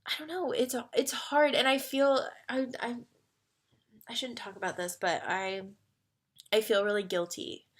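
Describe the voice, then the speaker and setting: A woman in her twenties chatting casually as a vlogger answering fan questions, full of "like" fillers, moving between excited and quiet, earnest talk. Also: fairly high pitch, unhurried. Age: 20s. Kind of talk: casual chat.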